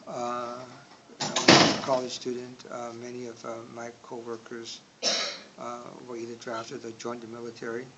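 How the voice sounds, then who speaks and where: A man in his sixties from Indonesia, speaking slowly in an oral history interview, with frequent pauses and filler words. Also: medium pitch, completely flat delivery. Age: 60s. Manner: slow, hesitant, many filler words. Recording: audible background noise.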